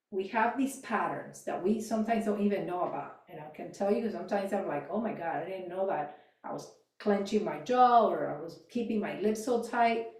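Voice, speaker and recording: A woman gently guiding a yoga and mindfulness class, cueing neck movements, voice exercises and breathing in a calm way with soft trailing endings. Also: medium pitch, far from the mic. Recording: echoey room, voice off-mic.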